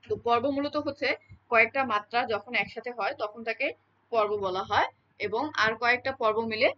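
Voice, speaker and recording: Her voice is a little high and her pace fairly quick as she lectures, explaining the lesson, repeating key terms, and regularly checking on her listeners. The sound is dull lo-fi.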